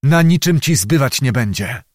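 A man's voice: mid-range voice, expressive, moderate pace, dry recording, clean studio sound, close to an everyday voice. A male narrator voicing an agitated, commanding king who speaks fervently and exclaims in a raised voice. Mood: generous.

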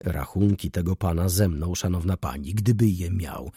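A man's voice: sits low, moderate pace, mellow, breathy edge, no echo, clean studio sound. A man voicing a reserved, dignified merchant who answers coolly and formally. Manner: cool, curt, formal.

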